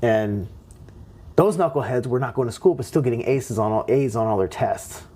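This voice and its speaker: A man's voice: mid-range voice, moderate pace. A young man from California telling stories from his past in a casual interview, acting out what others said to him in raised voices. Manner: animated, acts out quotes in raised voices. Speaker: interview guest. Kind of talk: casual storytelling.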